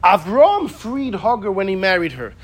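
A man with a notably high voice leads an informal Torah class. He talks in a lively way, repeats his points and acts out the quoted speakers as he goes. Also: normal speed.

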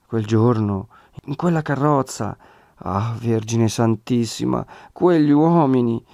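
A sorrowful, devout young peasant woman, as a male reader puts her on in a storybook reading. She speaks softly and slowly, in a pleading tone. The sound is dry and close. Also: medium pitch, creaky, no echo. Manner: soft, slow, tearful pleading.

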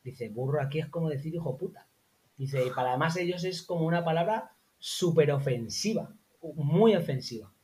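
Man, interview guest, lively anecdote teller in relaxed chat. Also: fairly quick, slight background noise. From Spain. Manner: animated anecdotes, acts out quotes in high voices. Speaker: interview guest, former teacher in Morocco. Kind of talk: casual conversational storytelling.

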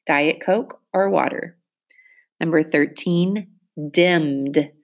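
A woman teacher giving a spelling test, reading each word clearly and using it in an example sentence. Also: low-pitched. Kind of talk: spelling dictation lesson.

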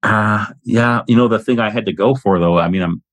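A man's voice: fairly low pitch, fairly quick, fairly bright tone, lightly acted. A man voicing a guarded woman federal agent who answers her caller tersely and hesitantly in a tabletop game. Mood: flustered.

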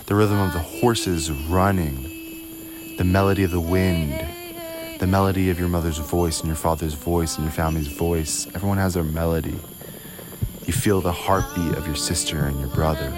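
A man's voice: low voice, fairly even intonation, moderate pace. A man leading a guided meditation as host, speaking solemnly in short, emphatic, repeated phrases. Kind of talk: guided meditation, spiritual monologue. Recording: loud music under the voice. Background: loud instrumental music.

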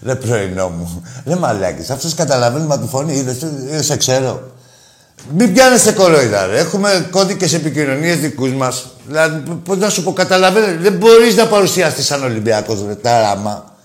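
A man hosting a call-in show about football, with crude, mocking banter that swings from loud rants to low muttered asides. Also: sing-song.

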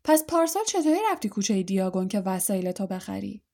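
A woman reading aloud, voicing an eager, curious middle-aged wizard father full of excited questions. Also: mid-range voice.

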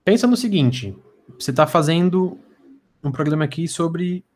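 A man's voice: a little high, animated, normal speed. Brazilian man with a slushy, stammering lisp. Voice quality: tongue-tied lisp with slushy s. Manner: stammering, repeats words and syllables. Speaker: podcast guest. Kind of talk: casual podcast conversation.

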